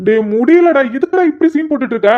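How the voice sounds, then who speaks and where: A woman's voice: high-pitched, expressive. A woman voicing a sarcastic young married man who teases his friend with exasperated banter in a cartoon. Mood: teasing. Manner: mocking, exasperated, quick banter. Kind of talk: cartoon voice acting. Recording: slightly muffled lo-fi audio.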